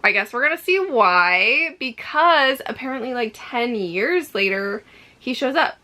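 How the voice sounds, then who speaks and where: A woman with a fairly high, very bright voice that has a slightly froggy, allergy-affected edge. She talks to camera in a casual, effusive way, like an upbeat book reviewer on a vlog. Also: lively intonation, measured pace. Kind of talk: casual chat to camera about books.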